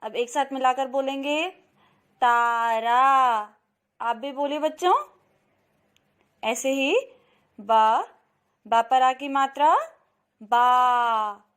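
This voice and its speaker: A woman teaching a slow, clear phonics lesson to young children, stretching out each syllable and often calling out to them. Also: sits high. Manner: drawn-out syllables, addresses children warmly; very slow, careful pace. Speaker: kindergarten teacher.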